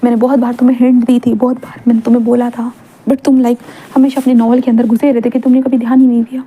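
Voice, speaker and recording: A woman voicing a calm, reserved young male bodyguard in an even, earnest delivery. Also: fairly high pitch, quick pace, slightly rough. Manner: steady, earnest, plain delivery.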